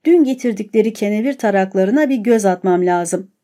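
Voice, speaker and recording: A restless young landowner, torn by guilt, speaks in a brooding, tense tone, as a woman reads him aloud. The voice is mellow and dark, at a middling pitch. It sits inside a calm audiobook reading. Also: a little fast, lightly acted.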